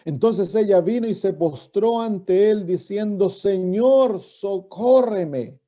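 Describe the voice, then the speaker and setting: A man's voice: high voice, measured pace, mellow. A man, preaching a sermon as a pastor, reading scripture and asking his listeners questions. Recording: dull lo-fi recording.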